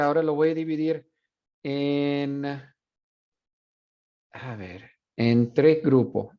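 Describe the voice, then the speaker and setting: A man's voice: a little high, dull audio. A man teaching a university Spanish class, explaining features of a dialect and mixing Spanish with English. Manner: relaxed, explanatory, with fillers.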